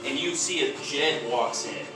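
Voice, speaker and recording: A man running a tabletop game as game master, narrating dramatically and bursting into loud shouted lines. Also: mid-range voice, a little slow, echoey room, far from the mic, faint music behind, low-quality recording.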